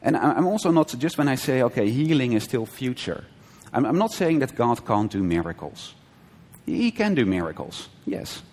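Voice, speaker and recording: A man preaching in an easy, conversational way, checking in with his listeners and laughing lightly as he explains. His mid-pitched voice carries a long reverb tail from a large hall. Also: sing-song, normal speed, a little mellow. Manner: conversational, frequent "right?" checks and brief laughs, self-correcting restarts. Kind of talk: conversational sermon teaching.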